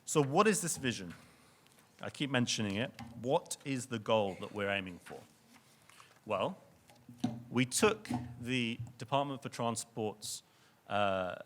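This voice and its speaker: A young man giving a conference presentation to an audience in a lecture venue, speaking earnestly and often restarting or repeating words. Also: fairly low pitch.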